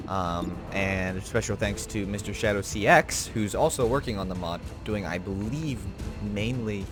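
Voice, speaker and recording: A man's voice: on the low side, moderate pace, music in the background. A man hosting a gaming video, giving casual commentary and musing to himself as he goes.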